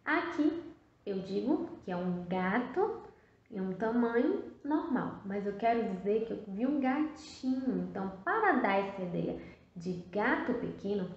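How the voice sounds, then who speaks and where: A woman with a Brazilian Portuguese accent teaching a first-grade class in a recorded video lesson, stretching words out in a slow, sing-song teacherly way. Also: medium pitch, darkish tone. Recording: very echoey, dull lo-fi sound.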